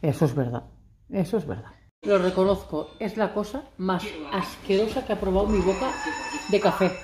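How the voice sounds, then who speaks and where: A woman's voice: mid-range voice, moderate pace, a crowd in the background. A woman, a mother chatting casually to her viewers at home. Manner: chatty, talks straight to viewers. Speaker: vlogger and mother. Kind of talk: casual family vlog. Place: family home.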